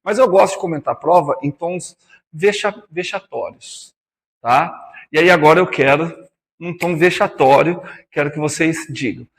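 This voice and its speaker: A man's voice: on the high side, normal speed, in a large hall. A man teaching physics in a classroom lecture with a Brazilian Portuguese accent, chatty and teasing, calling students by nicknames.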